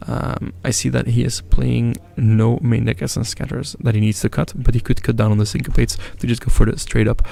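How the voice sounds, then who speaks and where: A man's voice: mid-range voice, little pitch movement, a little fast, vocal fry, hardly any pauses, warm tone. A man commentating a live card game match, analytical, chatty and given to jokes. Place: event venue.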